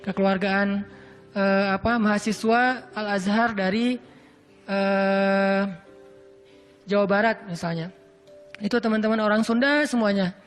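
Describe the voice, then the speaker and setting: A man preaching in a relaxed, conversational sermon style, drawing out quoted Arabic verses slowly. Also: sits high. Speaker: Islamic preacher. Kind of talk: casual sermon. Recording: hall reverb with faint music.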